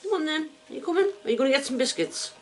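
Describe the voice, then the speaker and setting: A woman's voice: sits high, lively intonation, very fast, a little hiss or hum. Woman cooing baby talk to a pet. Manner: coaxing sing-song baby talk. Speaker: pet owner. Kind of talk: casual chat to a pet bird. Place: indoors at home.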